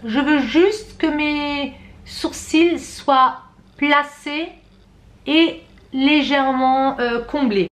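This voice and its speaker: Speaking extremely slowly in a high voice, a middle-aged Frenchwoman walks viewers through a makeup tutorial. She's a chatty beauty vlogger who addresses her audience directly and keeps correcting herself.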